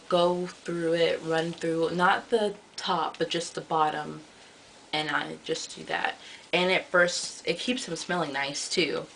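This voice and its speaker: Bright-voiced young woman vlogging casually. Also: sits low, creaky, low-quality recording. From United States. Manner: chatty, rambling, lots of ums and self-corrections. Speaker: beauty vlogger. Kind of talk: casual hair review vlog. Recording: faint background noise.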